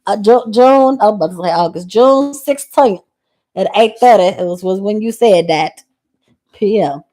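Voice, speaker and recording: A woman's voice: mid-range voice, a little slow, dark tone. A woman chatting casually with the host, teasing and laughing along. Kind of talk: casual chat.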